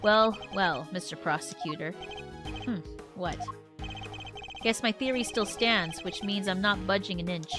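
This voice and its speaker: A woman playing a curt, gruff male agent. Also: unhurried, long pauses, lightly acted. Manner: curt, low and clipped. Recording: game music behind the voice.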